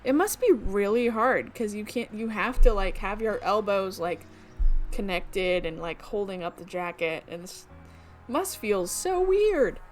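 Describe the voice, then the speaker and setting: A young woman, a let's play streamer, reads a visual novel aloud in a medium-pitched voice with lively intonation and a measured pace. Between lines of narration she drops casual, chatty comments and giggles, with faint music playing in the background.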